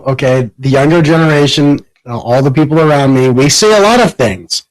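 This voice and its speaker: A man's voice: medium pitch, expressive, brisk. A man chatting bluntly on a talk stream, his voice distorted by a clipping microphone. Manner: blunt, keeps saying "okay" while telling a story. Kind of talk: casual chat.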